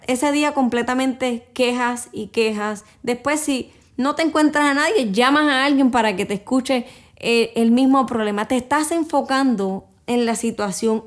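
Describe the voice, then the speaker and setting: Woman podcaster, kinda high voice, talks right to you w/ examples, encouraging self-help chat. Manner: addresses listener directly with examples. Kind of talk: motivational talk.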